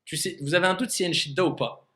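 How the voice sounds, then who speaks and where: A man's voice: high-pitched, racing, a bit bright. A man teaching a classroom lesson on recitation, demonstrating letter sounds again and again and questioning his students.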